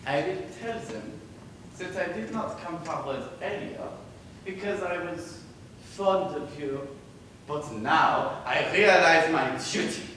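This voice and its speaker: A man playing a smooth, menacing con man with a put-on French accent in an amateur stage play, heard from far away in an echoey hall. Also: fairly high pitch, slow, sharp tone, a little hiss or hum. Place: theatre stage.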